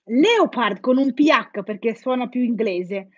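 An Italian woman teaching English hosts a live quiz, teasing and joking with her viewers as she chats. Her voice is fairly high, husky, and lively in intonation, and she speaks a little slowly. The dry recording has the dull, lo-fi sound of a live stream.

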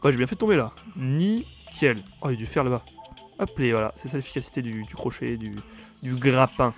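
A young man with a cold, commenting loudly on his own gameplay, swearing and yelping when enemies attack. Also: mid-range voice, a little fast, soft background music. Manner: excitable, swears a lot, yelps at enemies. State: has a cold. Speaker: gaming YouTuber.

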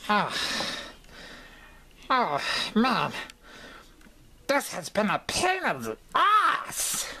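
A young man voicing a grumpy, foul-mouthed little toy penguin with a raspy, abrasive delivery. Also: high-pitched, huge pitch swings, extremely slow, pauses often, bright, forceful tone, pitched above the performer's own voice, heavily acted. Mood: weary, annoyed. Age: young adult. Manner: abrasive, sarcastic swearing. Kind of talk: amateur puppet comedy skit. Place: small bedroom indoors.

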